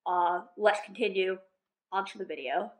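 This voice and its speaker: A woman's voice: mid-range voice, normal speed, noisy background. A woman in her twenties with a lisp, chatting casually as she reacts to a video and speaks frankly about it. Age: 20s. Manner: frank, mildly critical, chatty with fillers. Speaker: YouTuber.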